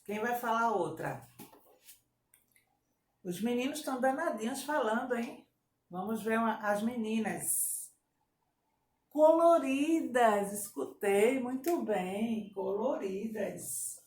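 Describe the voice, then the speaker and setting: Slow-speaking woman teacher, echoey room. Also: fairly high pitch. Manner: slow, encouraging, repeats children's answers. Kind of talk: Portuguese grammar lesson for children. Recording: echoey room with faint background hiss.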